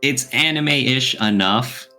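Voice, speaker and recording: A man with a mid-range voice takes it slowly, sounding pushed and bright. He co-hosts a casual podcast, explaining things and asking questions along the way, with music in the background.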